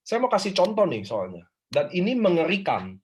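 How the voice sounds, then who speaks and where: A man's voice: high-pitched, wildly swooping pitch, a little fast, slight background noise. A man giving an informal, emphatic motivational talk over a video call. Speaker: motivational speaker. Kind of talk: online motivational workshop talk.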